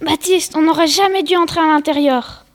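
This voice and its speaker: A timid young boy, voiced by a woman reading a storybook, nervous and pleading. The voice sits high. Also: steady tone, a little fast, natural voice. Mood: scared. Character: frightened cautious young boy.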